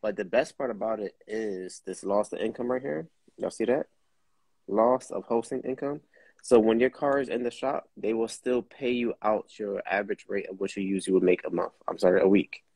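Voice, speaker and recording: A man's voice: fairly low pitch, moderate pace, vocal fry, darkish tone, slightly rough, no echo. A man hosting a casual chat, explaining things in a blunt, profane, laid-back way. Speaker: host.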